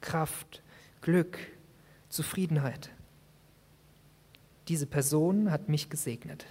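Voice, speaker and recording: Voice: medium pitch, slow pace, mellow, slightly rough. A youth preacher giving a sermon, retelling a story dramatically in the first person. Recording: long hall reverb.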